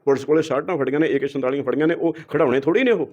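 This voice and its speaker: A man's voice: fairly high pitch, rapid-fire, darkish tone. A man with a Punjabi accent, a guest giving heated interview answers, lecturing and throwing out rhetorical questions. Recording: dull lo-fi recording.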